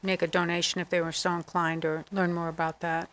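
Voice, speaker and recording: A woman's voice: fairly low pitch, level tone, fast, a bit bright, clean tone. A woman hosting a community TV interview, encouraging her guest with frequent affirmations. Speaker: TV interview host. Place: community TV studio.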